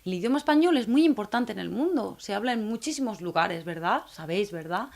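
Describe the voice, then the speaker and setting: Slow, clear Spanish teacher with gravelly voice. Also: female voice, mid-range voice, expressive, a little mellow. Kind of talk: scripted video lesson for learners.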